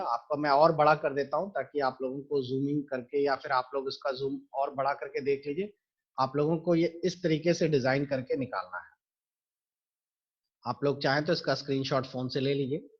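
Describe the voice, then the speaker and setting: A man teaching computer software to students in a screen-recorded lesson, explaining each step patiently. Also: medium pitch, steady tone, a little fast, husky, dull audio.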